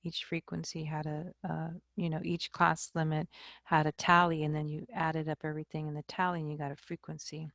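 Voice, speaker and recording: A woman math instructor giving a recorded lecture, explaining slowly and checking in with "okay?". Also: low voice, monotone, vocal fry, fairly bright tone, no room sound.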